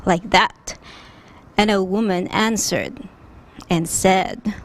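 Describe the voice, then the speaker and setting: Slow, expressive woman storyteller. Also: mid-range voice. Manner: slow, animated, expressive reading. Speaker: children's storyteller. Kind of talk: storytelling for children.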